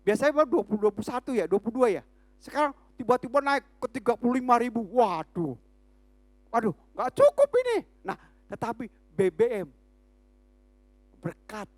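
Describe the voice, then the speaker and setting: High-voiced Indonesian woman preaching a sermon. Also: gravelly, no room sound. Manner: emphatic, swings from shouts to hushed slow lines.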